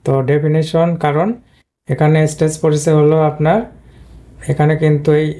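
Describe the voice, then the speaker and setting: A man's voice: a little high, monotone, normal speed, dark tone. A man teaching English pronunciation in a screen-based video lesson, explaining patiently and repeating himself often. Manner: patient, repetitive explaining with frequent "but" fillers.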